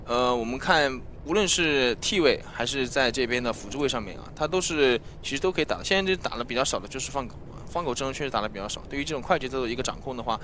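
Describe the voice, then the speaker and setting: A man's voice: mid-range voice, animated, sharp tone, a little hiss or hum. A man giving live esports color commentary, breaking down team tactics and asking his co-caster pointed questions. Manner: fast analytical talk, posing questions to co-caster.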